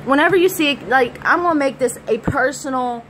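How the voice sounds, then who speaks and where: High-voiced preppy American woman vlogging. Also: brisk, a bit bright, low-quality recording. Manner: preppy-sounding, blunt, sweary. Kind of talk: casual personal vlog talk. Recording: faint background noise.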